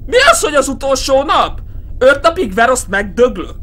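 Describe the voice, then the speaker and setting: A man giving let's play commentary on a horror game, breaking into loud screams and panicked shouts. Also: very high-pitched, big pitch swings. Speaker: gaming YouTuber.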